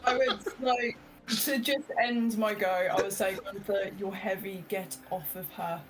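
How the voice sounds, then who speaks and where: A woman's voice: mid-range voice, fairly even intonation, measured pace, low-quality recording. A woman chatting casually as a player in a tabletop role-play game. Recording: music clearly audible behind.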